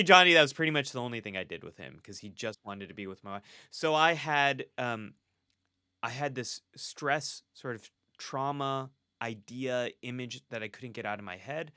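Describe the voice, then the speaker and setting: A clinical psychologist guesting on a podcast talks candidly in a bright, forward, smooth, medium-pitched voice. Earnest and reflective, he tells stories conversationally and laughs between thoughts, recorded close and dry with no room around him.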